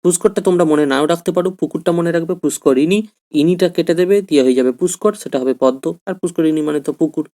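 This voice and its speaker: A man's voice: on the high side, fast, warm tone. A man teaching an exam-prep grammar lesson, patient and repetitive, talking straight to his students and checking they follow. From West Bengal, India.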